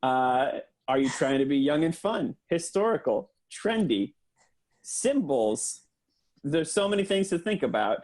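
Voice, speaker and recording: A man doing an earnest, deadpan mock lecture for a comedy podcast, with lots of hesitant fillers. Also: on the high side, a little slow.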